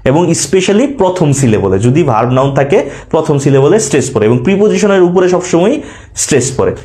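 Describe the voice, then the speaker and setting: A man's voice: a little high, sing-song, quick pace, mellow. A man with a Bangladeshi Bengali accent teaching poetry scansion in a lecture, asking and answering his own questions and repeating key terms. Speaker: English literature teacher. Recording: echoey room.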